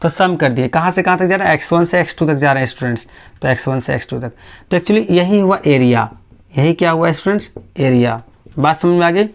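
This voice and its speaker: A male physics teacher giving a patient, slow classroom lecture, often stopping to check that students follow. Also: fairly high pitch, vocal fry. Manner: speaks slowly on purpose.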